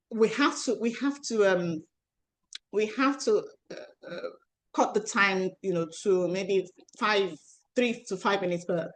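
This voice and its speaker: A woman coach hosting an online relationship panel over a video call, talking in a chatty, rambling way with many restarts. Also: mid-range voice. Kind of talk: live online panel introduction.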